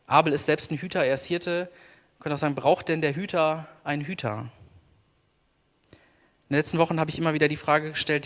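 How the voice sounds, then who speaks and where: A man preaching a sermon as pastor, earnest, slowing down to stress key words. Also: fairly high pitch, fairly bright tone. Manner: earnest, slows down for emphasis. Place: church. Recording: long church reverb.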